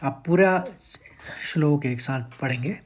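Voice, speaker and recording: A man teaching how to recite verses, patiently breaking words into syllables and chanting each line slowly and drawn out. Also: on the high side. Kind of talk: step-by-step chant lesson.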